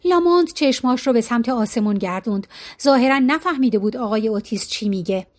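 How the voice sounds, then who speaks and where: A woman reading a novel aloud with even, measured narration. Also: a little high. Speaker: audiobook narrator. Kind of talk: scripted narration.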